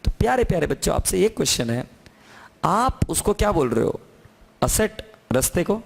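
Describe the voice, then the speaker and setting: A man's voice: high voice, moderate pace, gravelly. A man teaching an accounting class, lecturing in a classroom and constantly asking his students questions. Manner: lively, coaxing questions to students.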